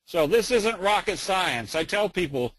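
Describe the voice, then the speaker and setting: A man's voice: high voice, expressive, unhurried, no echo, low-quality recording. A man giving a casual, joking trading lesson in a webinar, full of fillers. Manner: folksy, joking, many fillers. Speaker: trading instructor.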